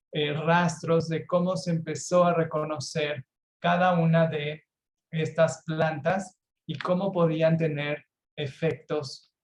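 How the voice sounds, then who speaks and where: A man with a Mexican accent teaches over a video call, his voice sitting a little high. He talks very slowly, padding his points with fillers and little questions to the group. A faint noise runs under the recording. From Puerto Vallarta, Mexico. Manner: slow, unhurried explaining with frequent fillers and check-ins. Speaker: herbal medicine webinar presenter. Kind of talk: online lecture.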